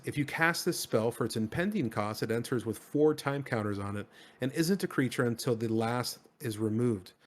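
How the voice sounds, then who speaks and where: A man co-hosting a card game stream, chatting casually and reading out cards with enthusiasm and informal slang. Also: mid-range voice.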